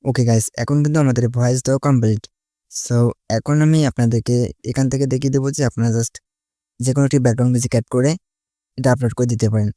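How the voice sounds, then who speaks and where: In a clean, dry studio recording, a man hosts a relaxed how-to tutorial, walking through each step in Bengali sprinkled with English. He keeps returning to repetitive connective phrases. His mid-range voice stays steady and mellow while moving quickly.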